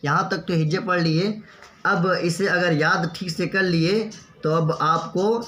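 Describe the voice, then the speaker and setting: A male teacher giving a spelling drill lesson, sounding out letters one by one in a slow, deliberate way. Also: sits high, steady tone, sharp tone, slight background noise. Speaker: Urdu teacher.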